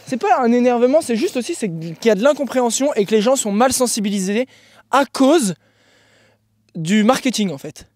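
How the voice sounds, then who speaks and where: A man's voice: very high voice, animated, normal speed, a little mellow, no room sound, clean studio sound. A man who coaches endurance sport, explaining gear in a blunt, laughing, casual podcast chat.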